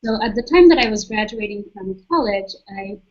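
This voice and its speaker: Soft-spoken young woman, husky, lo-fi webcast. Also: medium pitch, lively intonation, moderate pace. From Saudi Arabia. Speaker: guest speaker. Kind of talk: webcast talk. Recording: dull lo-fi webcast audio.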